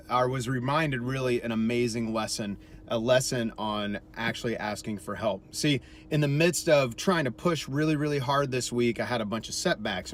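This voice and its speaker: A man in his thirties telling a self-deprecating story in a casual vlog, chatty and animated when he quotes people. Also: medium pitch, a little hiss or hum. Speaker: musician vlogger.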